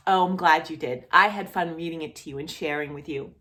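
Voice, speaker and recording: Low-pitched and a little fast, a woman storyteller and channel host reads a picture story to small children. She addresses the child directly with questions, playful expression and exaggerated reactions.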